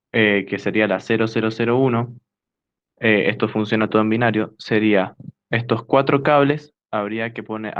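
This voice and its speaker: A young man giving a hesitant student class presentation, filling pauses with "eh" while pointing things out on a diagram. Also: lowish voice. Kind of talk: class presentation explaining computer hardware. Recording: dull lo-fi recording.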